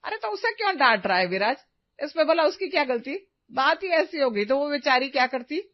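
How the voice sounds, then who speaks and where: A woman's voice: high-pitched, expressive, a little fast, dry recording, dull audio, pitched above the performer's own voice. A woman voicing an older mother-in-law in a cartoon story, indignant and complaining. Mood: defensive. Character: older gossiping mother-in-law, sides with daughter-in-law.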